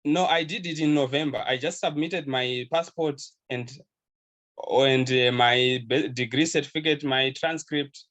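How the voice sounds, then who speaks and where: A man's voice: mid-range voice, fairly even intonation, a little slow, a bit bright. A man from Zimbabwe, a pharmacy graduate attending a webinar over a video call, speaking hesitantly with frequent restarts. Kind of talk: casual webinar Q&A.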